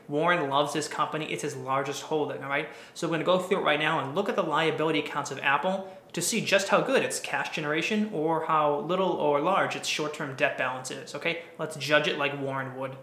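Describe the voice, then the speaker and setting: A man's voice: on the high side, sharp tone, echoey room, slight background noise. A young man teaching investing to camera from a home office, emphatic and checking in with "okay?" often. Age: young adult. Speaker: finance educator. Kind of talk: direct-to-camera explainer.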